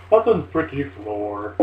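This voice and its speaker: A young man commentating gameplay in casual chat, excitable and loud, laughing often. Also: lowish voice, noisy background. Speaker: let's play commentator. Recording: echoey room with faint game music. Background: faint game music.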